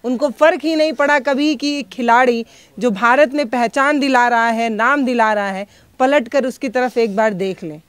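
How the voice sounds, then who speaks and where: A woman's voice: on the high side, normal speed, clear, resonant tone, dry recording. A woman reporting on location as a field news reporter, coaxing and pleading with questions, then speaking impassioned to camera.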